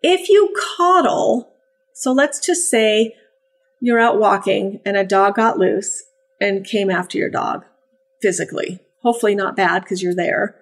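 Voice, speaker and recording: A woman who breeds and trains puppies, chatting in a casual podcast, animated and sing-song when she acts out praise and puppy voices. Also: mid-range voice, normal speed.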